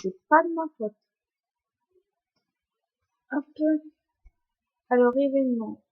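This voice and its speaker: A woman's voice: sits high, takes it slowly, breathy edge, phone-quality sound. A young woman with a sore, coughing throat, chatting casually to viewers at home as she plays a game, often stammering and repeating words. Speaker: gaming video creator. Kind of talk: casual gameplay commentary.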